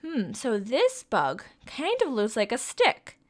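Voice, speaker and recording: Her pitch swings hugely as this young woman reads a picture book to children, her voice a little high and her pace slow. She's a storytime reader who keeps coaxing the listeners with sing-song questions.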